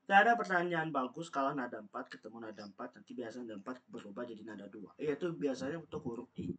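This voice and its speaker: A man's voice: medium pitch, lively intonation, fast talker, fairly bright tone. A man teaching a Mandarin vocabulary lesson. He talks patiently, repeats each word and asks his learners questions. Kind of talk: online language lesson.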